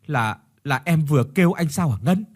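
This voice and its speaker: A man's voice: on the high side, expressive, normal speed, no echo, studio quality. A man voicing a frightened, guilty young husband who stammers in panic. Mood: uneasy.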